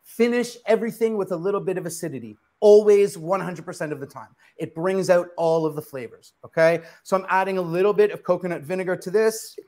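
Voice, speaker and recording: Captured by a camera across a kitchen studio, this middle-aged chef runs a live cooking demo in a preachy, emphatic style, asking questions only to answer them himself. His fairly high voice is a little mellow, and he talks briskly with few pauses.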